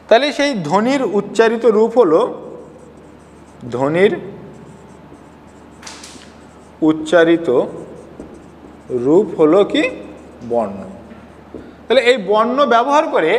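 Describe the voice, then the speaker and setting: High, lively man teaching in a hall. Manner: explanatory, asks rhetorical questions. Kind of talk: class lecture.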